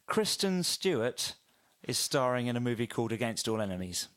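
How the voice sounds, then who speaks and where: A man's voice: medium pitch, fairly even intonation, quick pace, fairly bright tone. Chatty man hosting a news podcast. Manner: chatty, hesitant with many fillers. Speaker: podcast host reading film news. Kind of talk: casual chat.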